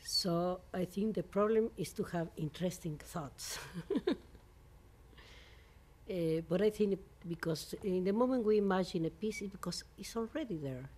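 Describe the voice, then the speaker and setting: At a New York venue, a Mexican woman composer gives an interview in English, speaking with a Mexican Spanish accent as a non-native speaker. Her English is halting, full of fillers and restarts, and her voice is medium-pitched with a darkish tone.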